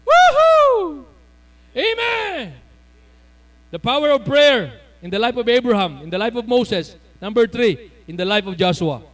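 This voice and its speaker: Male pastor, very high voice, swooping lively delivery, shouts and laughs through his stories. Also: a little slow. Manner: animated, bursts into shouts and laughter while telling stories. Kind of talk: sermon.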